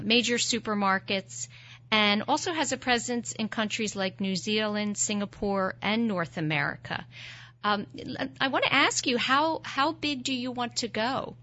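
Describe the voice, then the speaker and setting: A woman's voice: medium pitch, bright, forceful tone. A woman hosting a podcast interview, asking encouraging, thoughtful questions. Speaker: podcast host. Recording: slightly dull lo-fi sound.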